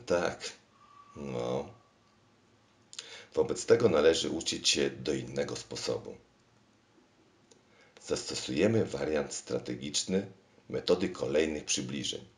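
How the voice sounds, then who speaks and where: A man's voice: rumbling low, slow, long pauses, heavily acted. A man voicing a muddled female thinking machine. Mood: fussy. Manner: pedantic, muddled, absent-minded. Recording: roomy echo.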